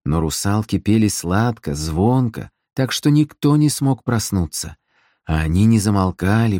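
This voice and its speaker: A man narrates a fantasy audiobook in a low voice, with a measured and dramatic delivery. The recording is dry and close to the mic. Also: dark tone, dry recording. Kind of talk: scripted narration.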